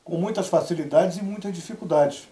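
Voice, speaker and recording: His voice is high-pitched and reverberant in the TV studio as this Bahian man from Salvador, Brazil, shares life stories in a relaxed interview. He narrates in a measured way, animating the tale by quoting others.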